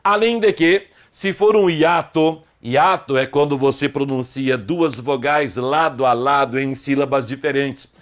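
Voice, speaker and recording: A middle-aged man with a Brazilian Portuguese accent teaching an online grammar lesson, explaining emphatically and stressing example words. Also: a little high.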